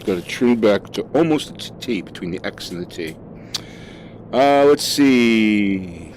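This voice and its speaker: Deep-voiced man narrating a flight sim. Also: unhurried, a little hiss or hum. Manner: relaxed, thinking aloud with fillers. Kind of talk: casual gameplay commentary.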